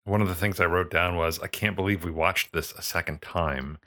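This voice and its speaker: A man's voice: sits low, fairly even intonation, normal speed, bright, forceful tone. A man co-hosting a podcast, chatting casually and reflectively about a TV episode. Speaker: podcast co-host. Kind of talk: casual chat reviewing a TV episode.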